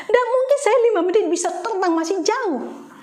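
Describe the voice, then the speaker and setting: A woman's voice: very high voice, moderate pace. A woman, a Sunday school teacher telling children a dramatic testimony, crying out her prayers. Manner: animated, dramatic storytelling with cried-out prayers. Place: home, online class. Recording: roomy echo.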